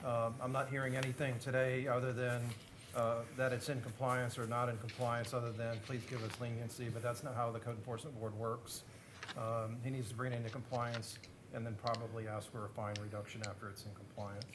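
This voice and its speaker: City attorney, male, American. Average pitch, explanatory and informal wording in a legal setting, light room noise. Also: little pitch movement, brisk. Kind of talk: legal explanation and witness questioning. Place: public hearing room.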